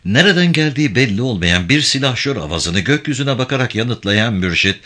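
A man narrating a novel in an expressive, dramatic audiobook reading. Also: mid-range voice, fairly quick.

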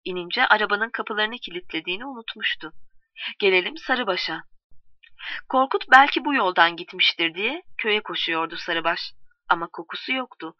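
A woman narrating a story in a calm, measured reading voice, voicing the characters' quoted lines. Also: medium pitch, no echo. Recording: distant dull lo-fi recording.

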